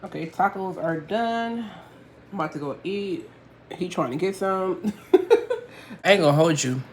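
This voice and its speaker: A woman's voice: fairly low pitch, unhurried, a little hiss or hum. A woman vlogging in a loose, informal way, talking straight to her viewers from her home kitchen. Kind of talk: casual how-to vlog chat.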